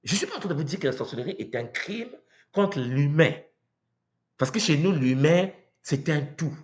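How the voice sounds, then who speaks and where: A Congolese man with a slightly high voice speaks at a moderate pace in a live talk to viewers about a spiritual tradition, picked up on a livestream mic. He's animated, throws out rhetorical questions and acts out the voices he quotes.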